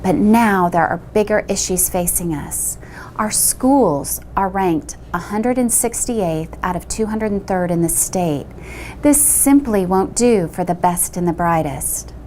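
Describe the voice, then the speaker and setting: A woman's voice: on the low side, lively intonation, measured pace, a little mellow, slight background noise. A woman running for city council, giving a direct, firm campaign statement.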